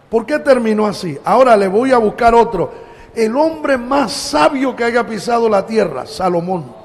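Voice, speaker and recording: A pastor from Colombia preaching a sermon, with emphatic rises and drawn-out phrase endings. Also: male voice, high-pitched. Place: church. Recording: long church hall reverb.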